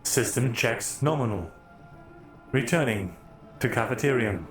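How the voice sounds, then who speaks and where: A man playing a too-smooth android. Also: mid-range voice, measured pace. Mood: smooth, flat. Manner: formal, even, unemotional machine speech. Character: calm, overly smooth android soldier. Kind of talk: voicing a character in a tabletop roleplay. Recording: echoey room with faint music.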